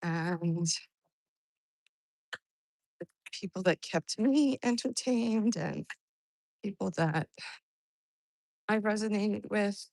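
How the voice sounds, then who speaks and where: A woman's voice: medium pitch, slow, vocal fry, long pauses, a little mellow, no room sound, low-quality recording. A woman chatting casually to livestream viewers while out walking for exercise, rambling and thinking aloud. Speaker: livestreamer greeting and answering viewers. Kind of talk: casual livestream chat to followers. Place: outdoors on a walk in hot weather.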